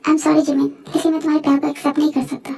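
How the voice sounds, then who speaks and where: A woman voicing a calm, apologetic young man. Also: high voice, rapid-fire, vocal fry, recorded from a distance, soft background music. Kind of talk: fan voice-over drama.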